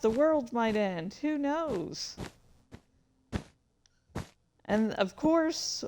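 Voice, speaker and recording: Slight background noise accompanies a woman whose voice sits on the high side with a darkish tone. Hosting a casual stream, she rambles through her gameplay, narrating her actions and letting out exclamations.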